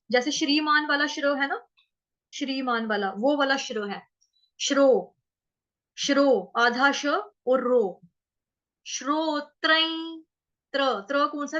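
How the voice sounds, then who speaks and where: A woman teaching how to chant a Sanskrit verse, breaking words into syllables, repeating them slowly and answering her own questions. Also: sits high, sharp tone, dull audio. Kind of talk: pronunciation lesson in Hindi.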